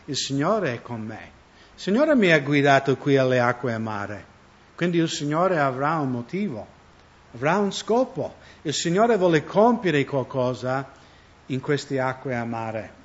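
A man's voice: medium pitch, very animated, measured pace. A man preaching a conversational sermon, often asking his listeners questions. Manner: conversational, asks the audience questions. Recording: dull lo-fi recording.

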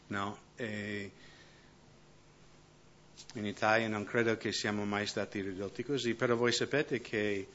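A man preaching a conversational sermon who keeps checking in with the congregation with quick tag questions. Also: fairly low pitch, fairly bright tone, lo-fi sound. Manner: keeps asking the congregation "no?" and "giusto?".

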